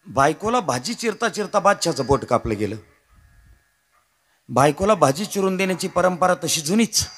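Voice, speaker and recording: Delivering a devotional kirtan in a high, gravelly, fairly bright voice, a man with a Marathi accent tells stories and jokes with the crowd. He addresses the listeners as maharaj and calls on them to answer back.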